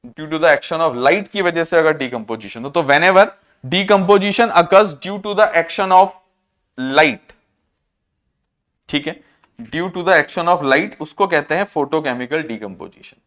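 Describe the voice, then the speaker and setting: A man teaching a class, repeating key terms, slowing down to dictate definitions and quizzing students on what was just said. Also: fairly high pitch, expressive, fairly bright tone. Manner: slows to a dictation pace for English definitions; addresses students as children. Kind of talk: classroom lecture.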